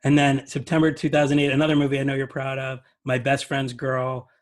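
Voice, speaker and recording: Male podcast host, monotone delivery, short affirming replies. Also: medium pitch, brisk. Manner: brief affirming interjections. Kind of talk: casual interview.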